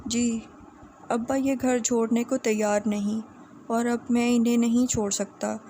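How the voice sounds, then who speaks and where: Woman reading a quiet young man. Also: on the high side, flat delivery, slight background noise, lightly acted.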